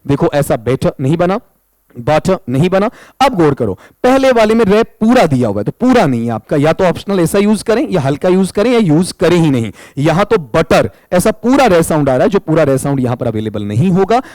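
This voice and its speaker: Man, teacher, higher voice, patient step-by-step explaining, dry close recording. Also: big pitch swings, fairly quick, darkish tone, no echo, low-quality recording. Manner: addresses students as "beta", spells sounds out one by one. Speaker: exam-prep English teacher. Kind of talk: explaining exam answers in a recorded lesson.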